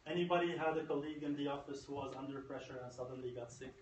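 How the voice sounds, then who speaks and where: Speaking quickly in a medium-pitched voice, a thirtysomething conference speaker gives an emphatic, motivational tech talk and repeats lines for impact. The audio comes from a distant camera in a reverberant conference room, with a little faint noise.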